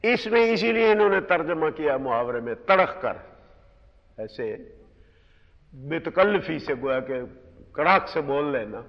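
Man, patient grammar teacher, slightly higher voice, long echo, muffled recording. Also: animated. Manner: measured, explanatory, slowing to stress words. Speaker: Quran teacher. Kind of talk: word-by-word Quran grammar lesson. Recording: dull recording in a reverberant hall.

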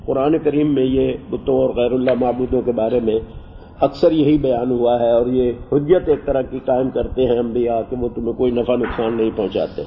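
A man teaching a class on Quranic Arabic. He explains the grammar at length, wanders off topic, and recites verses slowly. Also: mid-range voice, fairly even intonation. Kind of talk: classroom lecture on scripture and grammar. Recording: muffled lo-fi classroom recording with faint hiss.

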